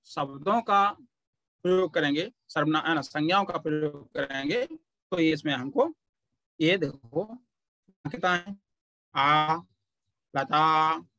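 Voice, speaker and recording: A man teaching Pali grammar in an online class, talking very slowly and patiently, pausing often to point things out. His voice sits a little high for a man. The sound is close and dry, with no room echo. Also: a bit bright.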